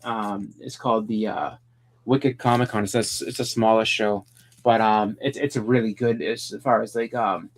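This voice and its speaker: A man hosting a live stream, chatting casually about comics in a rambling way with many restarts. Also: medium pitch.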